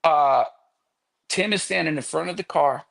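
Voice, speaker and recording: A man's voice: a little high, normal speed, gravelly, fairly bright tone. A man guesting on a podcast, telling a long story casually and animatedly, with frequent swearing.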